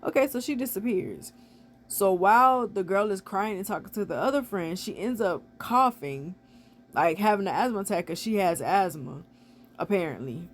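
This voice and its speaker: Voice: medium pitch, lively intonation, normal speed, a little hiss or hum. A movie reviewer retelling a film's plot in a casual, filler-heavy way, with frequent "like" and blunt, opinionated asides. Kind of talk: casual real-time movie recap.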